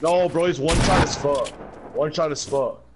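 A man's voice: a little high, moderate pace, very noisy. A young man gaming with friends, laid-back and teasing, swearing often. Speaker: gamer. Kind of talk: casual gaming banter.

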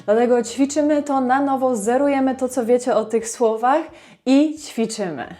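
A woman with a Polish accent teaching English pronunciation, upbeat and encouraging, modeling each word slowly. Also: high voice, dark tone, faint music behind. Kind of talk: pronunciation lesson, modeling words to repeat.

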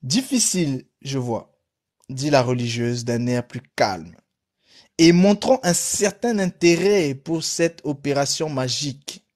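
A man's voice: mid-range voice, a little slow. A man teaching through a story he reads aloud on a live stream, with asides to his viewers. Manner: animated, addresses the audience directly.

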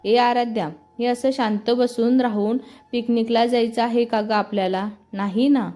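A woman voicing a lively, chatty young woman who teases and fires off quick questions. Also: fairly high pitch, lightly acted. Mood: excited. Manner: bubbly, teasing, quick questions.

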